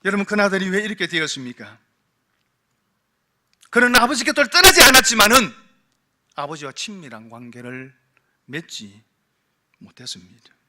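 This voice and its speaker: Korean pastor preaching in church, high bright ringing voice, lots of questions to the crowd, goes loud then drops real quiet. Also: male voice, sing-song, moderate pace, long pauses. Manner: preaching with rhetorical questions, swinging from loud emphasis to hushed low tones. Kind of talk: sermon. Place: church sanctuary.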